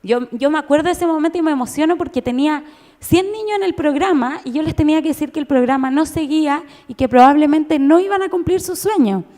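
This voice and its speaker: A Chilean woman in her thirties telling her own story at a conference, emotional and animated, with many restarts. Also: high voice, quick pace. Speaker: conference speaker. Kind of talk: personal testimony talk. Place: church. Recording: long reverb of a church hall.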